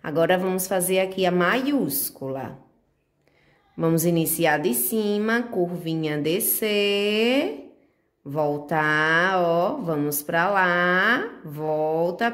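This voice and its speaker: A woman with a Brazilian Portuguese accent, teaching a remote handwriting lesson to small children, guiding each stroke slowly and patiently with diminutive words. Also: medium pitch. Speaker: preschool teacher.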